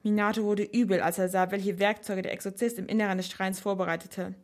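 A woman reading a storybook aloud in an expressive, lively way. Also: mid-range voice, fairly quick. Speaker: narrator.

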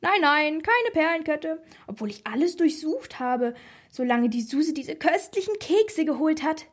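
A woman's voice: sits high, very animated, unhurried, pitched above the performer's own voice. A woman doing a giddy, singing grandmother.

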